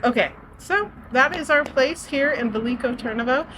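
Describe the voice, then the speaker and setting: A woman's voice: sits high, moderate pace. A woman talking in a chatty, upbeat, enthusiastic way as a travel vlogger. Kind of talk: casual travel vlog. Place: outdoors on a terrace and a hill. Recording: background noise outdoors.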